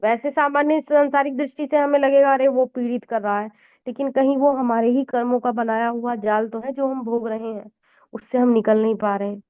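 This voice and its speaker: A woman's voice: a little high, steady tone, brisk. Woman teaching astrology over tinny audio. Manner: conversational, explanatory, with fillers and English words mixed in. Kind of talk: informal astrology lesson.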